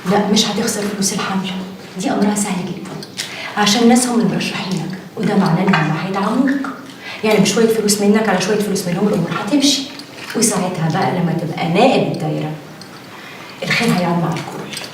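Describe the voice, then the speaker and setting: A woman's voice: mid-range voice, racing, noisy background, natural voice. An insistent Egyptian daughter, played by an actress, pressing her point at breakneck speed. The voice rings in a very echoey space, away from the mic. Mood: persuasive. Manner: persuasive, insistent. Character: pushy, scheming daughter, ambitious. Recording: echoey, distant.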